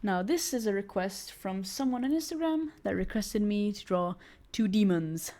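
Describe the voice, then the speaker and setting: A woman's voice: medium pitch, animated, moderate pace, dark tone. A young woman streaming as she draws, chatting casually in a rambling way with many fillers, stammered restarts and frequent laughs. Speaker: artist streaming while drawing. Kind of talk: casual chat while drawing.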